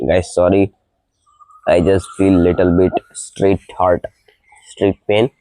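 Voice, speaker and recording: A young vlogger whose first language is Indian records a casual morning vlog on an outdoor balcony amid early birdsong, practicing his English. His cold makes his voice deeper and darker than usual, and he speaks haltingly with many fillers and small laughs. The noise-cancelling mic gives a low-quality recording with no echo.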